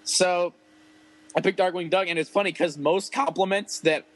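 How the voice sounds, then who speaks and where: A man's voice: high voice, fairly even intonation, moderate pace, a bit bright, poor audio. A man casually telling a rambling, profane story about playing a show with his rap group, full of fillers.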